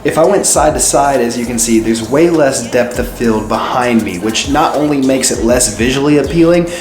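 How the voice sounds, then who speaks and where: A man talks to camera as an informal vlog host, explaining things casually at a medium pitch. His voice rings with strong hallway-like echo from an untreated room, and music plays clearly behind him. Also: moderate pace, a little mellow. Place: indoors, bare untreated room being made a studio.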